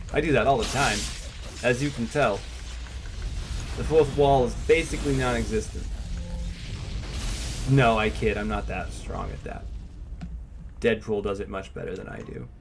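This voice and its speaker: A man's voice: fairly low pitch, measured pace, vocal fry, long pauses. Chatty male game streamer over music. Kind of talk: casual gameplay commentary. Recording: music behind the voice.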